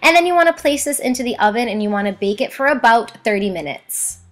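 A woman's voice: fairly high pitch, expressive, fast. A woman hosting a casual cooking vlog, chatting upbeat through step-by-step recipe instructions. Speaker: recipe-testing vlogger. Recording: roomy echo with faint background music.

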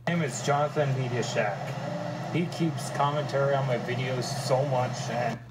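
Tired man ranting over loud road noise. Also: medium pitch, steady tone. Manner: halting, many fillers and restarts. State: tired, exhausted. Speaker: ranter answering critic. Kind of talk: casual rant. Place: vehicle, leaving work.

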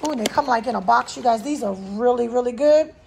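Filming a grocery haul on a handheld phone in her home kitchen, a woman vlogger chats folksily and directly to viewers. She talks fast in a fairly high, gravelly voice, with background noise present.

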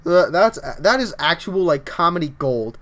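A young man streaming a video game live, chatting casually and excitedly with his viewers as he reads their messages. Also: a little high, moderate pace. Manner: excitable, upbeat, often starts lines with "yo, honestly". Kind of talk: casual livestream chat while reading viewer comments.

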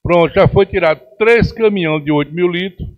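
A middle-aged man with a Pernambuco accent, speaking as a city councillor from the podium of a council chamber. His voice sits a little high for a man, and he presses his complaints with indignant emphasis. The sound is dull and lo-fi, like a chamber broadcast feed. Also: fairly quick. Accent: Pernambuco Brazilian Portuguese. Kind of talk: plenary speech. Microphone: podium microphone on stand.

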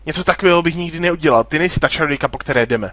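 A reserved young mercenary makes a quiet, earnest promise, as a man reads his lines in his own voice. His pitch sits a little high and the sound is dry and close. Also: no room sound, lightly acted. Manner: plain reading of a translated game script.

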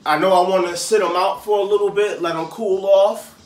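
A man's voice: sits high, fairly even intonation, brisk, slight background noise. A man hosting a home cooking show, talking casually to viewers in slang while he fills potatoes. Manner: slangy, chatty, talks to viewers as he cooks.

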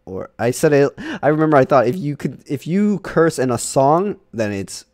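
Young male podcast co-host. Casual, lively, animated storyteller. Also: mid-range voice, moderate pace. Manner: animated storyteller, acts out quotes. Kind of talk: casual chat.

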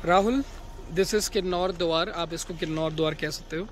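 A man's voice: on the high side, moderate pace, rough recording. A man talking casually to the camera while driving a car, chatting and often correcting himself mid-sentence. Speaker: travel vlogger. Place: inside a moving car on a mountain highway. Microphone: action camera in the car. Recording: loud road and engine noise. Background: car and road noise.

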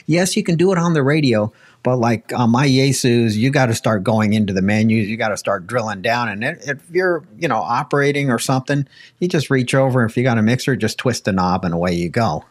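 An older American man giving casual technical advice in a conversational, folksy way into a close desk microphone. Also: mid-range voice. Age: older, around 60s. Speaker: ham radio panelist. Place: home radio room, indoors, video call. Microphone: close desk microphone with headphones.

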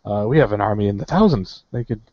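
A man's voice: fairly low pitch, animated, quick pace, no echo, highs cut off, lightly acted. A man voicing a haughty, indignant deposed prince who has been turned into a quaggoth. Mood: scheming.

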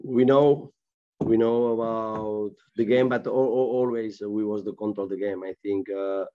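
Man in halting English, low flat voice. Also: narrow, tinny audio. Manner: halting, searching non-native English. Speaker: football manager. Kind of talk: post-match press conference. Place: press room with sponsor board. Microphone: video call.

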